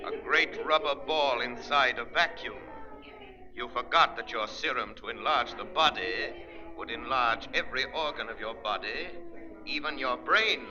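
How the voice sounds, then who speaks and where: An actor playing a shrewd, commanding invisible avenger in a 1930s radio drama, theatrical, persuasive and taunting. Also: male voice, medium pitch, moderate pace, music in the background, lightly acted. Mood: scornful, taunting. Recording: muffled 1930s radio recording.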